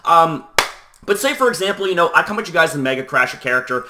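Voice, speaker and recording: A young YouTube host talks casually to the camera, deliberately keeping his volume down. He's loose and chatty, says "you know" a lot, and has lively intonation. The background is noisy.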